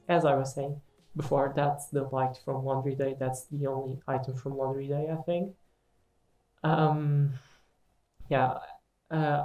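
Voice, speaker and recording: A woman's voice: very deep voice, warm tone, low-quality recording. A woman who speaks English as a second language, giving a casual, unscripted voice-over for a gaming video in a hesitant, self-deprecating way. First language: not English.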